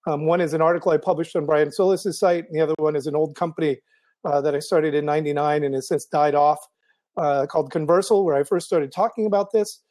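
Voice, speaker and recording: A man hosting a live video show, thinking aloud in a casual monologue with many ums and restarts, his voice going hoarse. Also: on the high side, darkish tone. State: losing his voice.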